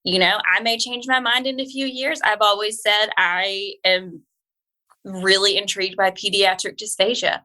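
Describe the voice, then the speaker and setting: A woman's voice: mid-range voice, fairly even intonation, moderate pace, bright, forceful tone. A woman speaking as an interview guest on a podcast, in an informal, earnest and encouraging way. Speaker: podcast guest, school speech-language pathologist. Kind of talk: conversational interview.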